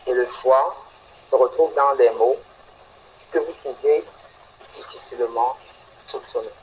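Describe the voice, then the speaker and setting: A man teaching English phonetics in an online class, slowly and repeating example words deliberately. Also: mid-range voice, slight background noise, poor audio. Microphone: video call.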